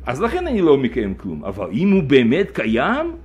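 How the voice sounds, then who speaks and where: A man voicing a scornful secular man who mocks and shouts in disbelief while telling a story in a lesson. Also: medium pitch, wildly swooping pitch, slightly rough, muffled recording. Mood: scoffing. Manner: mocking, shouting, exasperated. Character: scornful secular Israeli man, loud skeptic.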